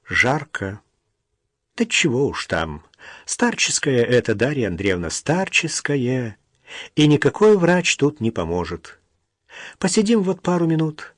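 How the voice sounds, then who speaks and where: A man voicing a frail, stubborn old man who speaks quietly and firmly with gentle irony, in an audiobook reading. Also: medium pitch, sing-song, unhurried, no room sound, clean studio sound. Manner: quiet, firm, gently ironic.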